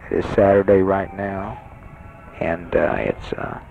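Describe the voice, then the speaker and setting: A man's voice: deep voice, level tone, measured pace, creaky, faint music behind. A young man in a hospital bed, keeping his voice down as he rambles through a taped letter home with many fillers. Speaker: patient sending an audio letter home. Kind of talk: personal taped audio letter. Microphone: portable tape recorder mic held close. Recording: dull lo-fi home tape recording. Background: other patients talking in the ward.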